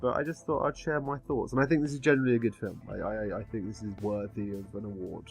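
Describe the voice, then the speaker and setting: A man's voice: fairly low pitch, steady tone, fast, vocal fry, soft background music. A man giving a casual film review in a drunken, rambling way, swearing often as he talks. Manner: frequent swearing.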